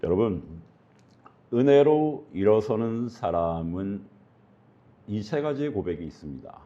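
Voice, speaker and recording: A man's voice: fairly low pitch, big pitch swings, a little slow, warm tone, lo-fi sound. A male pastor preaching earnestly, often putting questions to his congregation. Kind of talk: sermon.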